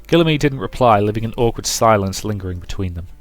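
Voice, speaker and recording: Speaking quickly and with animation in a lowish voice, a man hosts a let's play, shifting from laid-back remarks to narrating a visual novel's text. The room echoes, with game music in the background.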